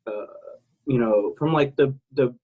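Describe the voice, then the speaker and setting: A man's voice: mid-range voice, a little slow, breathy edge, narrow, tinny audio. A man from South Texas talking casually as a podcast guest, candid and rambling, swearing freely. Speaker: guest, military veteran.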